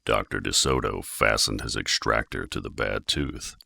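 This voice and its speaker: A man reading a children's storybook as an audiobook narrator, with measured, expressive delivery. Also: a bass voice, vocal fry, a little hiss or hum.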